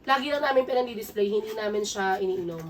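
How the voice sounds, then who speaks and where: A hoarse woman, chatting casually as a vlogger while unboxing gifts at home, switching between English and Tagalog. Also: mid-range voice, fast talker. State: hoarse from a sore throat. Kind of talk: casual gift-unboxing chat. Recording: distant mic, faint room noise.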